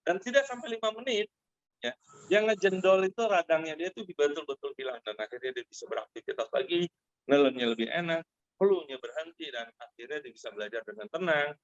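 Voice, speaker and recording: A middle-aged man hosting a Zoom meeting, telling a lively personal product story to friends in a casual way with many fillers. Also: fairly high pitch, a little fast, no echo. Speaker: Zoom meeting host giving a product testimonial. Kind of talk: casual spoken testimonial to an online group. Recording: dry, dull lo-fi video call audio.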